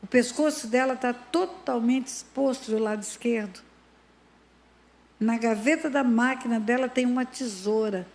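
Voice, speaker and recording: A woman voicing a menacing male demon that quietly urges a child to kill, in a low, insistent tone. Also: measured pace. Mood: coaxing. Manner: low, coaxing, insistent commands.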